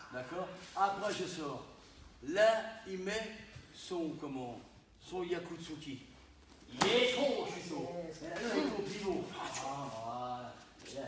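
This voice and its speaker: A man teaching karate live to his class, animated, often tagging his sentences with "hein?" and sudden exclamations. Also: mid-range voice. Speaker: karate instructor. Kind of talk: live dojo teaching demonstration. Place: large echoey training hall. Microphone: distant camera mic. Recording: echoey hall from far off, noisy.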